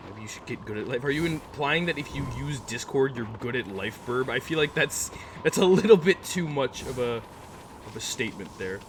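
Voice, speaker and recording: A man's voice: medium pitch, animated, fairly quick, noisy background. Rambling casual male game streamer. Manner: rambling, chatty, talks back to chat. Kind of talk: casual let's-play chat. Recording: game music behind the voice.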